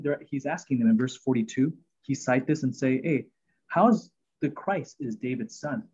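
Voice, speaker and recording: Here the podcast host has a mid-range, dark, slightly rough voice captured with lo-fi sound. He discusses Bible passages in an informal teaching style, earnest but rambling, full of filler words and false starts.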